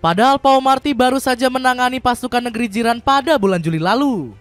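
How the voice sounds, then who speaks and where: A woman narrating scripted football news as a voice-over, in a steady read-aloud delivery that drops in pitch at sentence ends. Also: quick pace, no echo, soft background music.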